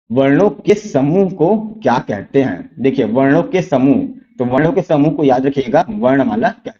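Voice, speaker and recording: A man teaching exam-prep lessons, walking through quiz questions step by step, asking rhetorical questions and repeating key answers slowly. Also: mid-range voice, warm tone, dull audio.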